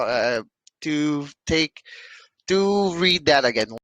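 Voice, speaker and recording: Slow-talking man hosting an interview. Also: medium pitch, fairly bright tone, no echo, poor audio. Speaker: AMA host. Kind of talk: interview questions.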